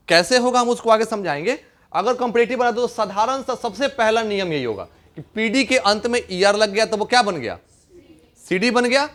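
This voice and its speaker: A man's voice: high voice, a bit bright. A young man teaching a grammar lesson to a class, often repeating questions and checking whether the students understand.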